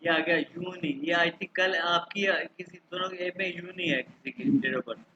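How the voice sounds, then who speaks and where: Man teaching slowly over a muffled call. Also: high-pitched, steady tone. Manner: slow, repeats words for drilling. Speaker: German teacher. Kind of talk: online language lesson. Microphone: video call. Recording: muffled online call with clear noise.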